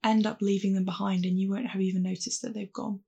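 A woman guides listeners through a calm grounding exercise in mindfulness. Her voice is husky, with plenty of creak at a medium pitch. She instructs gently and reassuringly, as a meditation guide. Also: fast talker, muffled recording.

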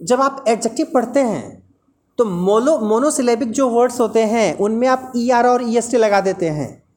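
A woman's voice: a little high, lively intonation, normal speed, darkish tone. A woman teaching an English lesson, explaining patiently and repeating example words aloud.

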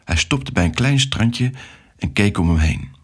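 A man narrating a children's story with an expressive, animated reading. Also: fairly low pitch, measured pace, slightly rough.

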